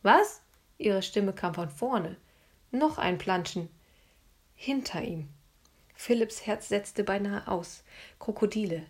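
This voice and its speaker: A woman narrating a children's storybook in a hushed, suspenseful manner. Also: mid-range voice, a little hiss or hum. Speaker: audiobook narrator.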